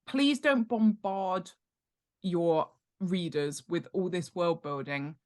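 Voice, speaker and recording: In a relaxed podcast interview, a woman appears as a guest author and world-building expert, talking in a chatty, jokey, emphatic way. Her voice is fairly low and a little mellow, and she takes things slowly.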